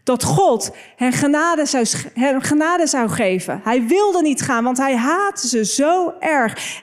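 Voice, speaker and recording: A woman preaching a sermon on stage, reading scripture and repeating key phrases for emphasis. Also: high voice. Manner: slow, deliberate preaching with emphatic repetition. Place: church stage.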